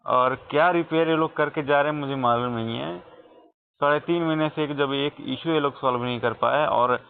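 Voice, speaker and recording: An Indian man calls customer support to complain, sounding insistent, repetitive, and aggrieved. His voice is a little high, clear, and resonant at a moderate pace, and the phone call recording is tinny.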